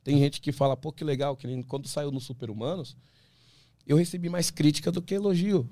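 A man, an ultramarathon runner from Brazil, talking as a podcast guest, animated and full of restarts, acting out what others say. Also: on the high side, fairly quick, no echo, clean studio sound. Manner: animated storyteller, many restarts, acts out quoted voices. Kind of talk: casual interview talk.

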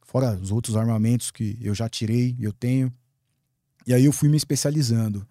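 A man from Brazil, a guest on a podcast, telling a story in a lively way. He swears freely and acts out his own past words. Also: mid-range voice, normal speed, dry recording, clean studio sound. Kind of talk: animated storytelling in a podcast interview.

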